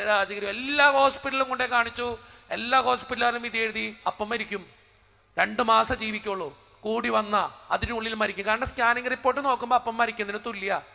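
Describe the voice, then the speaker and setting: A priest preaching a sermon as a personal story, acting out the dialogue with drama. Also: male voice, extremely high pitch, vocal fry, bright, forceful tone, big-room sound.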